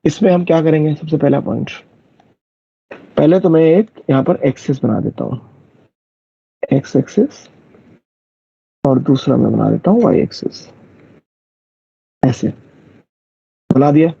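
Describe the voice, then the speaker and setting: A male math teacher, his voice gravelly and husky. He talks students through each step and keeps checking that they follow, heard on a dry, dull lo-fi recording. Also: fairly high pitch, lively intonation, measured pace, pauses often, mellow, dry recording. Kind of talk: live online math class.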